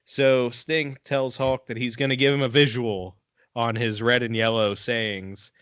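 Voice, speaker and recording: A man's voice: medium pitch, little pitch movement, measured pace, fairly bright tone, clear, resonant tone, dry recording, muffled recording. A man co-hosting a podcast, telling the story in a laid-back, casual way and cursing now and then. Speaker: podcast co-host. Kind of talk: casual chat.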